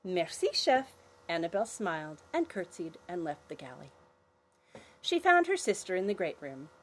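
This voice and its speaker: A woman hosting a family podcast, narrating a children's adventure story with expressive storytelling. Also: lowish voice, normal speed, a little hiss or hum, rough recording.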